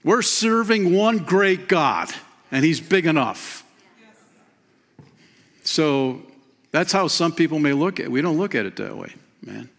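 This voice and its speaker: A man in his fifties preaching a sermon from a lectern in a church, lively and emphatic, often calling listeners "man" and "friend". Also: on the high side, unhurried, creaky, pauses often. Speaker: pastor. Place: church stage behind a clear lectern. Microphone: lectern mic. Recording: long church hall reverb.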